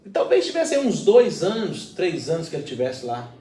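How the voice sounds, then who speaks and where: A man speaking as a pastor in a relaxed conversational reflection, his voice high and very animated. He explains earnestly and leans on everyday examples. The sound is roomy and he sits a little away from the mic. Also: normal speed, recorded from a distance.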